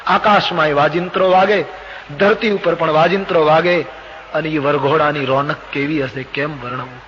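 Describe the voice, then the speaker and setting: A man's voice: on the high side, moderate pace. An older man with a Gujarati accent, telling a devotional scripture story and acting out the characters' lines with expression. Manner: expressive, acts out dialogue of gods and characters. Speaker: storyteller preacher. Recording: dull lo-fi old recording with faint hiss.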